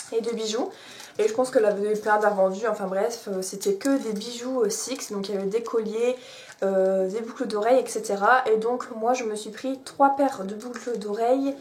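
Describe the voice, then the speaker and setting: A woman's voice: on the high side, a little mellow. Chatty woman vlogging from her bed. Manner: chatty, many fillers and restarts. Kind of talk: casual haul vlog. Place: bedroom, sitting on her bed.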